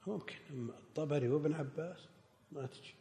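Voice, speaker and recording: Man teacher with a mellow voice. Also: a little high, fast. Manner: brief, corrective remarks. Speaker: sheikh teaching the lesson. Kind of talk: scholarly lesson commentary. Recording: long hall reverb.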